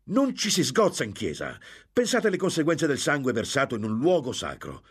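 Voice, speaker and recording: A man's voice: lowish voice, very animated, unhurried, a little mellow, breathy edge, voice pushed up, full character voice. A man voicing a sly, cool-headed nobleman who talks in a wry, conspiratorial way.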